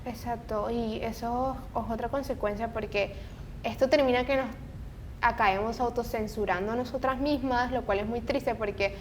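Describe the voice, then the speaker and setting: A woman's voice: fairly even intonation, moderate pace. A woman hosting a casual talk podcast, speaking in an earnest, opinionated way. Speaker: podcast host. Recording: noisy, low rumble behind voice. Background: rumbling background noise.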